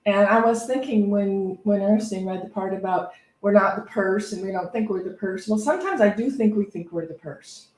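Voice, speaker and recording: Brisk, mid-range, and darkish in tone, a woman reverend offers an off-the-cuff inspirational talk, thoughtful and full of anecdotes, often repeating phrases as she works out her thoughts. The room is echoey and the microphone sits far away.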